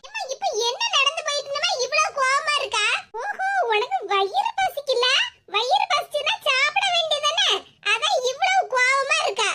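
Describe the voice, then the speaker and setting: A squeaky, cheeky young cartoon daughter, as a woman puts her on, teasing and coaxing with a playful lilt. Her voice is pitched extremely high, and loud noise runs under the whole recording. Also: lively intonation, moderate pace.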